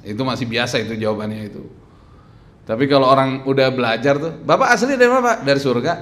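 Animated, bright-voiced young preacher man. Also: medium pitch, fast, a little hiss or hum. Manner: animated, quizzing the crowd, joking. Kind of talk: lively sermon with audience questions. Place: mosque hall lecture at a lectern. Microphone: stand mic on lectern.

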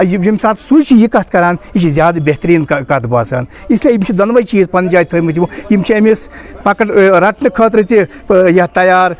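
A middle-aged man giving a thoughtful, halting street interview outdoors into handheld news mics. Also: a little high. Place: outdoors by a building.

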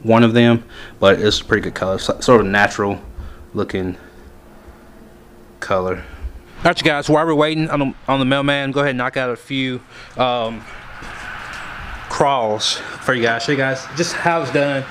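Sitting at a workshop workbench, a man casually presents his homemade fishing lures for a how-to vlog, rambling with plenty of ums and restarts. His voice is mid-range and a bit bright, with fairly even intonation, a normal speed and frequent pauses.

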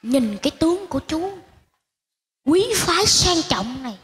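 A woman's voice: sits high, big pitch swings, unhurried, heavily acted. A woman, playing a lottery seller who acts like a solemn fortune-teller in a comedy sketch. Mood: flattering. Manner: grand oracular pronouncements. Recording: loud music underneath.

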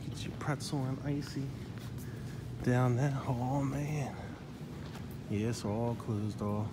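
A man's voice: mid-range voice, slow, heavy background noise. Man reminiscing on a mall walk. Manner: reminiscing, pointing out old stores. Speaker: vlogger touring a closed mall. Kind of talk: casual walking tour narration. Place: large empty indoor mall. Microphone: handheld phone camera.

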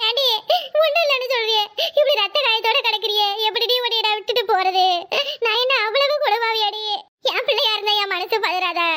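A woman's voice: extremely high pitch, brisk, sharp tone, voice pushed up. Woman voicing a fierce fretful old aunt, cartoon. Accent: Kanyakumari Tamil. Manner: anxious, scolding, fussing.

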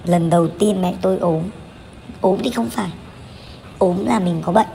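Candid chatty woman, low voice. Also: moderate pace, vocal fry, mellow, a little hiss or hum. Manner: candid, chatty, with frequent fillers and self-corrections. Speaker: vlogger. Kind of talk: voice-over narration of a family vlog.

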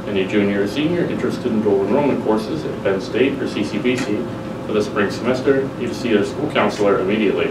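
A man reading the morning announcements in a steady, plain way, heard through a school loudspeaker. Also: fairly low pitch. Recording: echoey, distant, noisy public-address sound.

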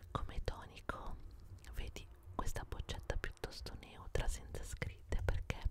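Woman acting as gentle female beautician, whispered role-play, breathy whisper, unhurried, reassuring, close microphone. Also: natural voice. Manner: soothing, slow, reassuring, fond diminutives. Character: gentle, attentive female beautician pampering a client. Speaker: ASMR performer. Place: indoors at a desk, close up. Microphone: desktop condenser microphone with foam cover, very close.

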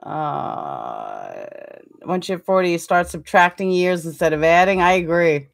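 In a small room with curtains at her back, a woman in her forties hosts a casual livestream on a desktop webcam, chatting and reading viewer comments aloud with self-mocking humor and frequent laughter. Her lowish voice is very animated yet a little slow, with vocal fry.

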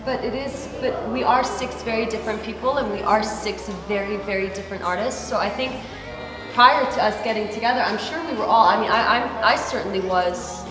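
A woman from the United States, a singer, chatting casually in an interview with lots of fillers and restarts, recorded in a bright indoor office. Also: medium pitch, fairly quick, over music. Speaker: singer in a vocal group. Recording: echoey room with long reverb.

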